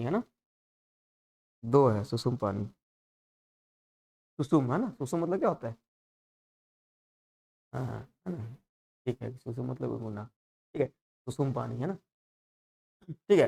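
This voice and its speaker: Speaking with a mid-range, creaky, somewhat dark voice, a man teaches a live class aimed at exams. He's repetitive and coaxing, checking in with students constantly and sprinkling "hai na" throughout.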